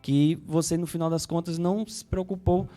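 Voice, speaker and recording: A man with a Brazilian Portuguese accent speaks as a psychologist guest in a conversational interview, his voice a little high, steady and warm at a moderate pace. He often repeats words while thinking and acts out inner thoughts as he explains things. Soft music plays in the background.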